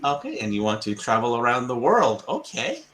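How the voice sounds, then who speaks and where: A man's voice: medium pitch, wildly swooping pitch, moderate pace, fairly bright tone. A man from the United States, tutoring English in casual conversation practice. He repeats the student's answers back patiently and chuckles often.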